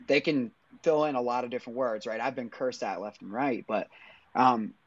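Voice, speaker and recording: A man's voice comes through a slightly dull, muffled audio feed. He talks through practical advice in a relaxed, conversational way, with plenty of "I mean" fillers. His pitch is in a medium range. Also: moderate pace, no echo. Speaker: guest sharing business advice. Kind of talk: casual chat.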